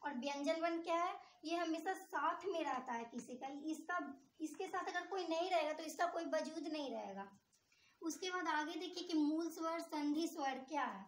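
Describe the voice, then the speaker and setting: A woman teaches a grammar lesson in a very high voice, stopping often to quiz her students and then giving the answer herself. Her voice rings around a bare, echoey room. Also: moderate pace, slight background noise. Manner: asks the class questions and answers them herself.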